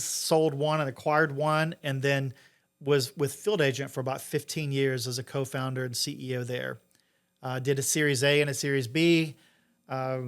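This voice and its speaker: A man's voice: mid-range voice, clean tone. A middle-aged man speaking conversationally as a guest in an interview, explaining things informally. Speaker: interview guest, entrepreneur and investor.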